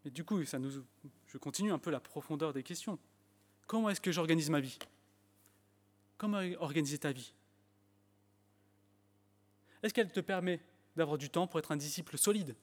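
A man's voice: fairly high pitch, normal speed, pauses often. English-accented man preaching in a hall. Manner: animated preaching, rising emphasis, frequent fillers and restarts. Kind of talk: sermon. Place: church hall. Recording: long church hall reverb.

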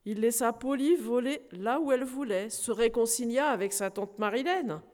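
A woman preaching who reads a storybook aloud slowly and expressively to a congregation in a church hall. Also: on the high side. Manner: slow, expressive reading. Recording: reverberant hall.

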